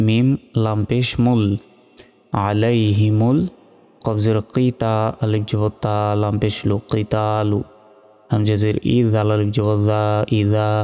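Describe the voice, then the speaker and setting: Calm man spelling Arabic syllables slowly. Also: lowish voice, clear, resonant tone. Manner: slow, measured letter-by-letter spelling. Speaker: Quran reading teacher. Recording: long hall reverb with faint music.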